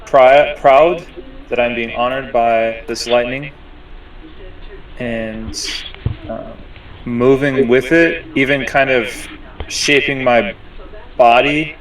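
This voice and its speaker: A man with a mid-pitched voice improvises as a player in a tabletop game. He speaks very slowly and deliberately, often stopping to search for words. He sounds distant from the microphone. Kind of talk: improvised first-person role-play description.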